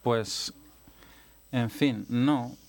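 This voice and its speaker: A man's voice: medium pitch, drawn-out words, a little mellow, a little hiss or hum. A man hosting a motorcycle podcast, leading the talk in a casual, conversational way. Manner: conversational, leads the segments. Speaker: podcast host. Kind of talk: casual chat.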